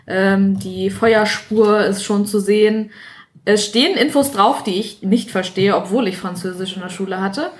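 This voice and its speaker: A woman's voice: mid-range voice, normal speed. Hesitant woman reviewing a beer bottle. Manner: hesitant, many fillers. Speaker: podcast guest reviewer. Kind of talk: casual chat.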